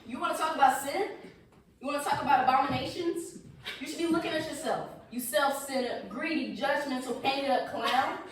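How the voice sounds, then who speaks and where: During a staged play reading, a woman with a high-pitched, natural-sounding voice plays a defensive young man, speaking fairly quickly in an indignant, cutting manner. The far mic picks her up in a very echoey indoor room, giving a distant sound with hiss.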